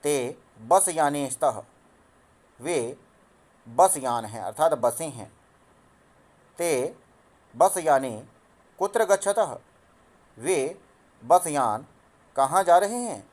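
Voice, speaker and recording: Slow, deliberate male teacher. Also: a little high, lively intonation, a little mellow. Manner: slow, deliberate reading with translation; spells words out piece by piece. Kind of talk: screen-recorded school lesson. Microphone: phone screen recorder.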